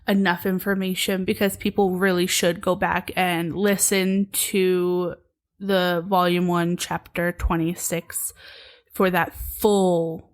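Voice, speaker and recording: Female co-host, somewhat low voice, chatty and supportive. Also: level tone, slow. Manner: chatty, adds to the host's points. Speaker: podcast co-host. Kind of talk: casual podcast chat.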